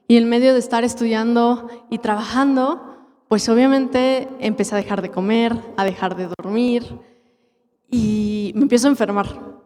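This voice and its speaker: Young Mexican woman, conference speaker, storytelling, higher voice, reverberant hall. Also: darkish tone. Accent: Mexican Spanish. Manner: storytelling, acts out quoted dialogue. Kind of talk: motivational conference talk. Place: large lecture hall.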